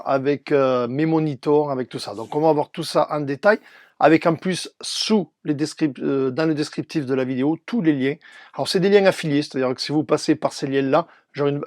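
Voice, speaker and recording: A man's voice: fairly high pitch, a little mellow, no room sound, studio quality. A man with a southern French accent from Toulouse, talking through a cold with a nasal, stuffy voice while chatting casually and showing his DJ gear, with frequent hesitations. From Toulouse, France. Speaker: DJ and YouTuber. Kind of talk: casual tutorial vlog.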